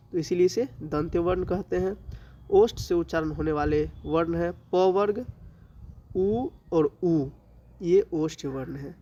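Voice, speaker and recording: Brief: Bihari-accented man teaching grammar, high voice, dull lo-fi sound. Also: darkish tone. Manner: slow, drawn-out listing with rhetorical questions he answers himself. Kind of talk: exam-prep grammar lesson.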